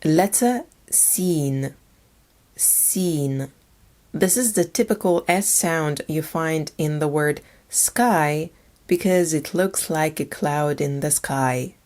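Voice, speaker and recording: A woman narrates a scripted language lesson at a very slow, careful pace. Her voice sits a little low, and she says each letter name twice before explaining it. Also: darkish tone. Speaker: language teacher.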